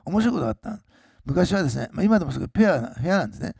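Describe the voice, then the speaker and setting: A pastor preaching a sermon, swinging between loud, slowed emphasis and quiet, low asides to the congregation. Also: male voice, big pitch swings, gravelly, slightly rough, no echo, studio quality.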